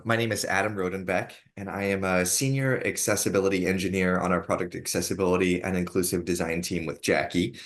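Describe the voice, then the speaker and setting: Low-voiced man, unhurried interview answers, some uhs. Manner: thoughtful, uh fillers. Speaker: accessibility engineer, guest.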